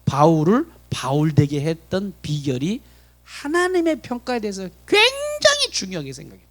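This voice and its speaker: Male pastor delivering a church sermon; very high, highly expressive pitch, rhetorical questions to the congregation. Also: normal speed. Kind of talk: sermon at a Friday prayer meeting. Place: church sanctuary.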